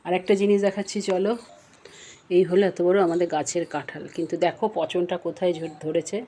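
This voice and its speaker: A woman's voice: lowish voice, fairly even intonation, fast, dark tone, poor audio. A woman in her fifties, chatting homely and rambling as she cooks in her home kitchen, filmed on a phone camera. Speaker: cooking vlogger. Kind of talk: casual home vlog chat. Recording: home recording with frying noise.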